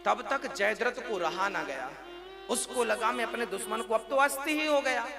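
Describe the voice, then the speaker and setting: A man telling a devotional story as a sermon to his audience, lively and acting out the dialogue. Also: very high-pitched, moderate pace, vocal fry. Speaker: spiritual storyteller. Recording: live sermon with violin music behind.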